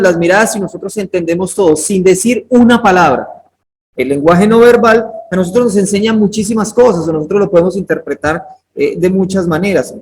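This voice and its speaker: A man's voice: high-pitched, a little mellow, poor audio. A man teaching a Bible interpretation workshop over a video call, talking conversationally and putting questions to his students by name. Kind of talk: interactive online class lecture.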